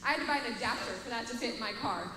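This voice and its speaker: A young woman leads a youth group talk in a chatty, upbeat way, talking straight to the kids. Her voice sits high. It rings through a big echoing hall with the murmur of a crowd behind it. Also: rapid-fire. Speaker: youth pastor. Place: large hall with students.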